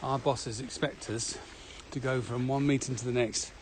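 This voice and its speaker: The same walking podcast chat continues, with this man, a co-host and trainer, telling stories in a relaxed way. He speaks at a normal speed with a medium pitch and fairly even intonation, while outdoor noise fills the recording.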